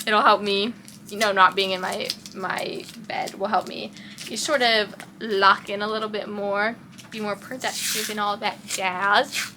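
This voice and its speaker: A woman's voice: medium pitch, fairly even intonation, measured pace, sharp tone, a little hiss or hum, low-quality recording. A young woman from Texas with a light Texan accent, rambling in casual chat in her bedroom and often losing her train of thought. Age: young adult. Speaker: vlogger.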